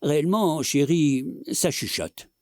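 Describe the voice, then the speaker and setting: A man's voice: on the high side, animated, unhurried, darkish tone, no echo, clean studio sound, voice pushed up. A man putting on a fretful, coughing old husband. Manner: coughing fits, fretful chatter. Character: fussy old husband, anxious and rambling.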